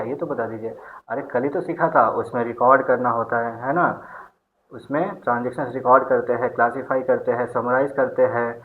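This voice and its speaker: A man teaching an accountancy class, often checking in with his students and asking and answering his own questions. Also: mid-range voice. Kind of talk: online class lecture. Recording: tinny phone-like sound.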